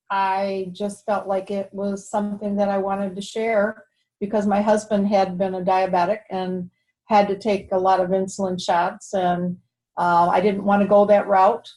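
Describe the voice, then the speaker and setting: An older woman speaking quietly over a video call. She shares her story in a soft, hesitant way, pausing often between thoughts. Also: mid-range voice, rough recording. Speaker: group member. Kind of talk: personal testimony.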